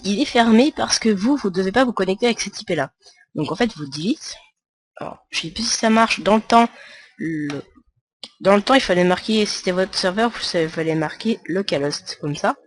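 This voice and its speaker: A man talks viewers through a game tutorial in a loose, conversational way. He rambles, trips over his phrasing and fills the gaps with hesitations. Now and then he throws in a playful aside to his audience. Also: sits high. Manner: rambling, with many fillers and stumbles; chatty and jokey with viewers. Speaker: tutorial maker. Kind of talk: casual screen-recorded game tutorial.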